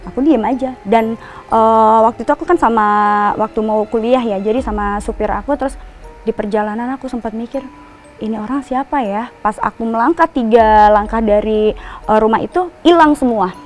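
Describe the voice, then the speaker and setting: A woman's voice: on the high side, fairly quick, a little mellow, faint music behind. A woman from Java telling a personal story as a guest, rambling with restarts and asides. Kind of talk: casual storytelling.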